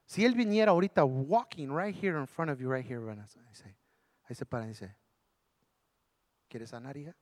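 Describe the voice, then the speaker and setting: A man's voice: fairly high pitch, animated, a little fast, a little mellow, no room sound, studio quality. A man preaching a bilingual sermon, repeating lines for emphasis and asking the congregation rhetorical questions. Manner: switches between Spanish and English, repeats lines for emphasis.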